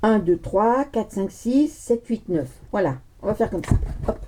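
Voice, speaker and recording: Slow, chatty woman reading cards. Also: mid-range voice, expressive, noisy background. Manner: chatty, rambling, full of restarts and jokes. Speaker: tarot card reader. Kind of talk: casual chat.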